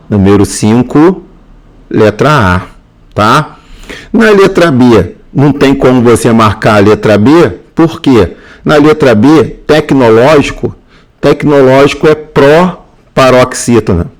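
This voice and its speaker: A male teacher with a Brazilian Portuguese accent, going through exam answers step by step and repeating key points. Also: medium pitch. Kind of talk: exam answer walkthrough lesson.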